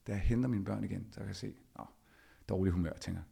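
A middle-aged man with a low, gravelly, somewhat husky voice tells a personal story. He is animated and performs the quoted lines himself, the way a podcast host talks. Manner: animated, acts out quoted dialogue.

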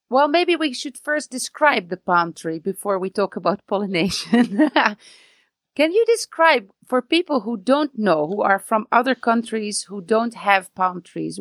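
A woman's voice: on the high side, lively intonation, measured pace, no echo. A woman leads the interview and asks curious follow-up questions. Her voice is recorded dry and close, with no trace of room sound.

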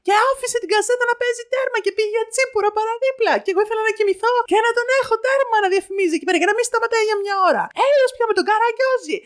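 A woman's voice: very high voice, hardly any pauses, pitched above the performer's own voice. A woman voicing her furious middle-aged mother ranting at a street vendor. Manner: shrieking, ranting, swearing.

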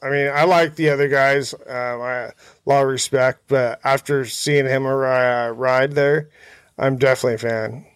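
Chatting as an interview guest in a backyard, a man who competes in motorcycle hill climbs recounts racing stories, laid-back, slangy and a bit hesitant. He has a mid-range, clear, resonant voice with fairly even intonation and a moderate pace, and there's no echo.

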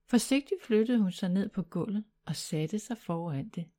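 A woman reading a children's bedtime story aloud in a calm, even storytelling manner. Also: medium pitch.

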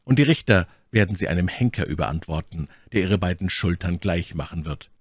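Brief: sardonic aristocrat, read by a male narrator, dry close sound, calm menace. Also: low voice, no room sound. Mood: menacing. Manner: coolly sarcastic, measured threats. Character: cold, mocking English lord, calm and menacing. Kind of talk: audiobook character reading.

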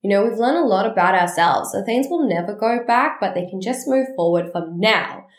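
Her medium-pitched voice has a roomy sound as this female podcast host chats alone on her casual show. Congested and nasal, she rambles animatedly and throws in quick asides.

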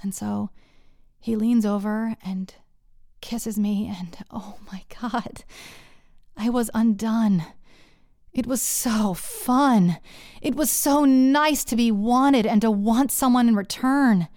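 A woman's voice: on the high side, takes it slowly, a little mellow, no echo, clean studio sound. A woman telling a first-person story in a candid, profane way, acting out the voices she quotes.

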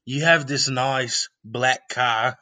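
Male co-host, playful fake English accent, unhurried bright delivery. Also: mid-range voice, steady tone. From Louisville, Kentucky, US. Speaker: podcast co-host. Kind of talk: casual chat.

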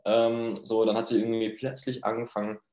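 A man telling a personal story in a casual, chatty way, laughing often and filling pauses with little filler sounds. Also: on the low side, little pitch movement, a little mellow. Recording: roomy echo.

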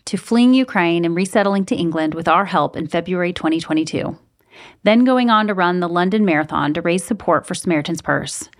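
A woman hosting an interview show, encouraging her guest with frequent affirming murmurs. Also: on the low side. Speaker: podcast host.

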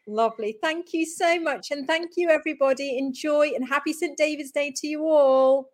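Female podcast host, live stream. Chatty, friendly, high voice. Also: moderate pace. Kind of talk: casual live-stream hosting.

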